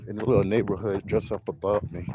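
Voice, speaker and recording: A man casually chatting in a relaxed, rambling way while walking and jogging down an outdoor hillside trail, filmed on a shaky handheld phone video. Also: fairly low pitch, quick pace. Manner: relaxed, rambling, self-amused. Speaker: vlogger. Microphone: handheld camera while walking and jogging. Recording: outdoor phone clip with noise.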